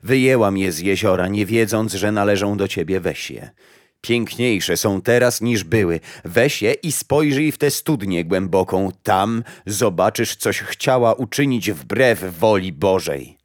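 A man voicing Death as a solemn female gardener of souls in a read-aloud storybook, speaking in a hushed, grave, measured way. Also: lowish voice, lively intonation, dry recording, studio quality.

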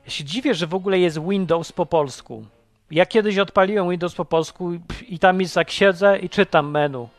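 A man's voice: high voice, moderate pace, no echo, soft background music. A man hosting a casual livestream chat, ranting sarcastically and mocking ideas while taking calls. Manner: sarcastic, mocking, acts out voices.

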